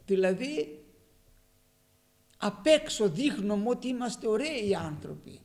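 A man with a high-pitched, gravelly, sing-song voice preaches a sermon with passion, swinging between loud, emphatic lines and quiet asides.

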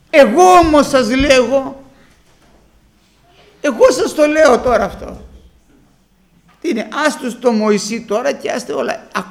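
A man preaching a sermon to his congregation, retelling conversations and swinging between soft asides and emphatic bursts. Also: very high-pitched.

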